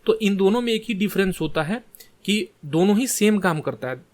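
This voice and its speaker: A man's voice: high voice, expressive, moderate pace. A man teaching a screen-share coding lesson in Hindi mixed with English tech terms, often checking in with "ठीक है". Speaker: coding tutor.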